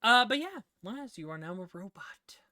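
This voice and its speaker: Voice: medium pitch, sing-song, normal speed, pushed and bright, no room sound. A game master running a tabletop game on stream, talking casually and cursing when the tech breaks. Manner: casual, swears at tech trouble.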